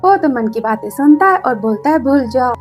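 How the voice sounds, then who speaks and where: A woman narrating a drama recap, retelling the plot in a brisk, plain storytelling way. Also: sits high, lively intonation, soft background music.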